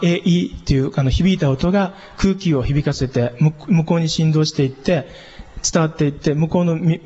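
A man, a church pastor, giving a casual spoken lesson on singing and microphones, chatty with many fillers and lively leaps in pitch. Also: breathy edge. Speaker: church pastor teaching singers. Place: church hall. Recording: dull lo-fi sound with long reverb.

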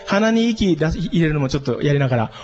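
A man's voice: on the high side, lively intonation, quick pace, darkish tone, big-room sound, lo-fi sound. A man teaching a voice and diction lesson as a vocal coach for church worship singing. He explains each step patiently and breaks into sung vowel demonstrations.

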